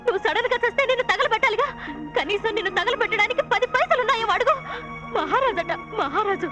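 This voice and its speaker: A woman's voice: extremely high pitch, expressive, fast, over loud music. An actress playing a bitter wife who scolds and mocks her husband sarcastically in a film drama. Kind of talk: film melodrama.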